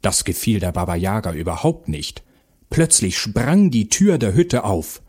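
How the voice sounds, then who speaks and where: A man narrating a children's fairy tale aloud in a slow, expressive storytelling manner. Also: fairly low pitch, breathy edge.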